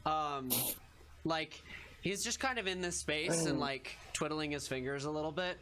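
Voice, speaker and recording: A man's voice: a little high, measured pace, sharp tone. A man narrating a tabletop game as game master in a casual, improvised style. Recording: faint room noise.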